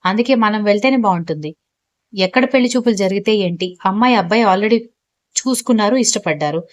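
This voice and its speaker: A woman's voice: medium pitch, animated, quick pace, highs cut off, close to an everyday voice. A woman narrator voicing a decisive, bossy mother-in-law in an audio story.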